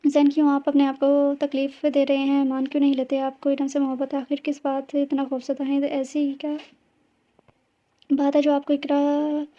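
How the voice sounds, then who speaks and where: A woman's voice: sits high, completely flat delivery, moderate pace, warm tone, lightly acted. A woman voicing a persistent female doctor friend who presses with question after question. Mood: pressing. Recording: dull lo-fi recording.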